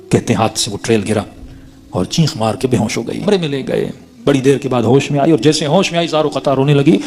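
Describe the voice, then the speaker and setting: A man's voice: medium pitch, a little mellow. A man preaching, telling a religious story as a sermon in a dramatic way, his voice swelling on the emotional peaks.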